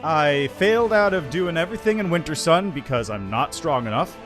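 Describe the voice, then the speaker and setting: Male streamer, headset mic, chatty and animated, pitch a bit high, faint game music behind. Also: fairly quick. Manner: chatty, greets viewers and reads chat aloud. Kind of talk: casual livestream chat while gaming. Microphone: headset mic on a livestream.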